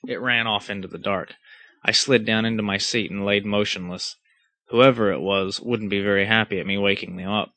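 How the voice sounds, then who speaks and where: A man reading aloud in a plain, steady delivery, with occasional small stumbles. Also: on the low side, moderate pace. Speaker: reader. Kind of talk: reading a story and a lawn-care text aloud.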